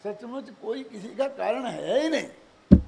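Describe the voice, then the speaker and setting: An older man giving a religious discourse, animated, full of rhetorical questions and chuckling asides. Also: very high-pitched, measured pace, gravelly, a little hiss or hum. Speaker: preacher.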